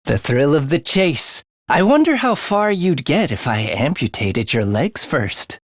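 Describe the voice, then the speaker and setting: The actor's fairly high voice is very animated yet unhurried, with clean studio sound and no echo. He performs English video game dialogue as a young male assassin who's playful and morbid, his teasing, slangy breeziness giving way to a breathy, theatrical turn.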